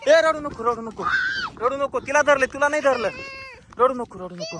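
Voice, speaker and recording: A man playing a loud jumpy village husband. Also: extremely high pitch, background noise. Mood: panicked. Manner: shouty, repeats words rapidly. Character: jumpy rural farmer husband, loud and excitable. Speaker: village husband in a comedy skit. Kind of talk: amateur village comedy acting. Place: outdoors in farm fields.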